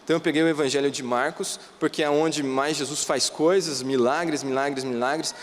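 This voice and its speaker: A man preaching a sermon, telling stories in plain, animated, conversational words. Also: on the high side, a little fast, big-room sound, a little hiss or hum. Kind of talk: storytelling sermon. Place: church.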